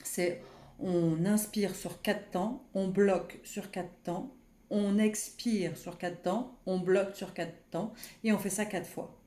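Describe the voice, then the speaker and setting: A woman speaking French as a personal development coach, guiding listeners gently with many pauses and fillers. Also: mid-range voice, fairly even intonation, roomy sound. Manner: soft, unhurried, guiding with many fillers and restarts; counts slowly through a breathing exercise. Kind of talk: gentle personal growth video talk.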